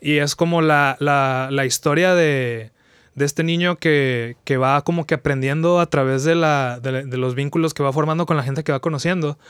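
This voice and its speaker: A man's voice: a little high, smooth, dry recording. A young man with a Mexican accent, a podcast guest chatting casually and retelling a story in a rambling, slangy way with many restarts. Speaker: podcast guest, video creator. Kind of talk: casual chat, retelling an anime plot.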